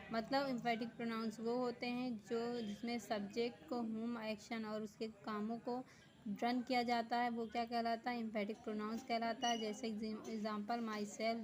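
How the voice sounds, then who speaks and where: A woman teacher giving a grammar lesson, reading definitions slowly word by word, then explaining them quickly. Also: fairly high pitch, low-quality recording. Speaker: school teacher.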